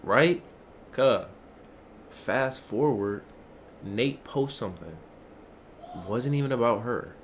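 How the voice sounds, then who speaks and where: A man streamer telling a story casually, animated and profane, laughing often and swinging from low mutters to loud outbursts. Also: slow, pauses often, slight background noise.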